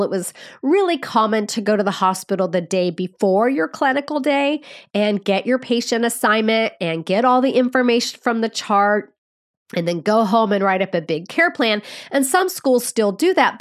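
A nursing podcast host teaches in a conversational, friendly, explanatory way. Her medium-pitched woman's voice sounds nasal and congested from a cold.

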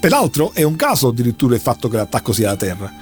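A man's voice: medium pitch, very animated, fast, faint music behind. A man recounting a long story in a casual chat, telling it with dramatic flair. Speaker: podcast host recounting an anime plot.

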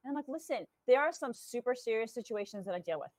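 A woman medium tells a story in a casual chat, her voice sitting a bit high and sounding dry and close. She talks animatedly and acts out the voices in what she tells. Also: fast talker, no echo, rough recording. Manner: lively, animated, acts out quotes with laughter. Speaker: guest medium.

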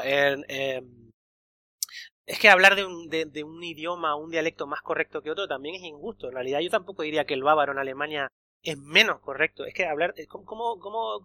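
A man co-hosting a podcast, talking in an animated, opinionated way with frequent restarts. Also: a little high. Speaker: podcast co-host. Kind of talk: casual conversation.

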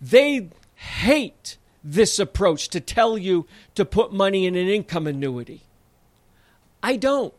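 A man in his fifties with a notably high voice holds forth as a podcast host. He talks bluntly and with emphasis, turning to his listeners as folks. The recording is close and dry, with no room sound. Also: big pitch swings, takes it slowly, dry recording. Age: 50s. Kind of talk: casual podcast monologue.

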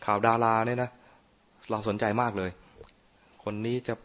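A man of medium pitch, a Buddhist monk, speaks at a moderate pace with a flat, slightly bright delivery. His informal meditation talk is teasing and full of questions for the listeners, captured on a muffled lo-fi recording.

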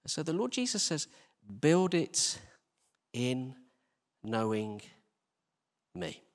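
Speaking slowly with a medium-pitched voice and big pitch swings, a British church team leader delivers an informal, conversational sermon. He's self-deprecating, asks rhetorical questions, and repeats phrases for emphasis, recorded live in a large church space with long reverberation.

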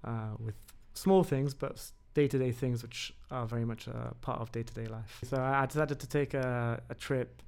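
A man's voice: medium pitch, steady tone, moderate pace, gravelly, hardly any pauses, darkish tone. A man raised in England, a podcast guest who talks hesitantly with many fillers. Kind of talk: casual conversation.

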